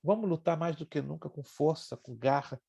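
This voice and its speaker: A pastor in his sixties teaching a Bible class, telling a personal story in an animated way and acting out the voices in it. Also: a little high, normal speed, creaky, husky. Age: 60s. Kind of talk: sermon-style lesson with personal story.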